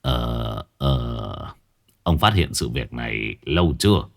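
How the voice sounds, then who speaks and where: A man voicing a calm, thoughtful older village man who speaks in a measured way. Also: rumbling low, voice pushed down, full character voice.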